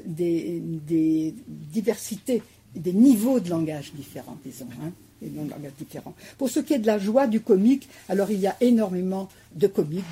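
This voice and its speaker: Woman w a really husky breathy voice, mellow tone, talks a book thru w lots of euhs and restarts. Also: mid-range voice. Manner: hesitant, frequent fillers and restarts. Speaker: guest discussing a war novel. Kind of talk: explanatory talk with read-aloud passage.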